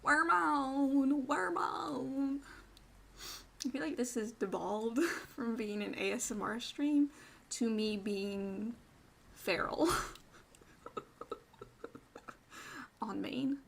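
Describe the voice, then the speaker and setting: A young adult woman streamer in quiet, casual ASMR chat, playful and rambling, sometimes dropping into soft whispers. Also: mid-range voice, slow pace, gravelly, pauses often.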